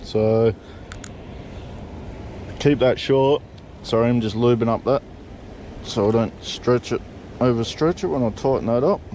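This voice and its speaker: A man's voice: mid-range voice, unhurried, darkish tone, slight background noise. Laid-back swearing Australian man. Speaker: fishing vlogger. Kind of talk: casual how-to chat. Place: back of a parked vehicle outdoors. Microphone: point-of-view body camera.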